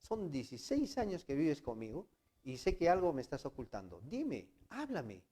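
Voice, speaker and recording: A man preaching voices a worried middle-aged father pressing his daughter to talk to him, his voice climbing higher and louder. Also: wildly swooping pitch, normal speed. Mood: gentle concern. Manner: insistent, rising to exasperated exclamations.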